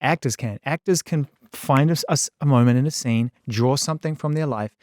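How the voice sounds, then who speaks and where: A middle-aged man hosting an interview, talking fast and emphatically, repeating himself for stress. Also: medium pitch, darkish tone, no room sound, clean studio sound. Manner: fast, enthusiastic, emphatic and repetitive. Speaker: interviewer, host. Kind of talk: casual conversational interview.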